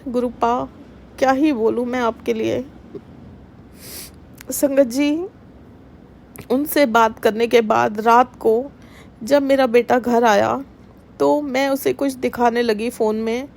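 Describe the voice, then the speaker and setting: Slow, emotional devotional woman speaker. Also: on the high side, steady tone, creaky, a little mellow. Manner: emotional, earnest, addresses listeners as sangat ji. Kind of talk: devotional testimony to followers.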